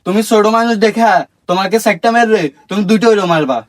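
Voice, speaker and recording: A man's voice: sits high, fast, natural voice. A man with a regional Bangladeshi Bengali accent playing a sly older meddler in a comedy skit, goading and repeating himself.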